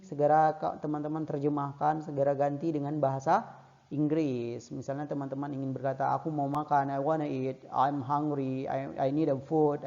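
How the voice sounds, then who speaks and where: A man teaching a beginners' English lesson online in an Indonesian accent, patient and encouraging, repeating each sentence slowly. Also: on the high side, gravelly, dark tone, muffled recording.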